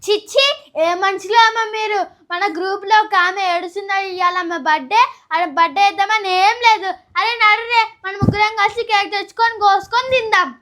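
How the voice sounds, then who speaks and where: A young woman with a Telangana Telugu accent playing a bossy, caring hostel girl in an amateur skit, loud and pushy, repeating her questions. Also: extremely high pitch, fairly even intonation, fairly quick. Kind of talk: amateur comedy skit acting.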